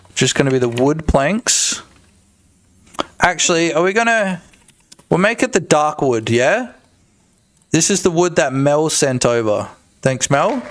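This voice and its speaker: A man's voice: a little high, a bit bright, a little hiss or hum. A man streaming his game development work, chatting casually and joking with his viewers while he works. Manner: chatty, joking, talks to chat. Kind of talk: casual livestream commentary.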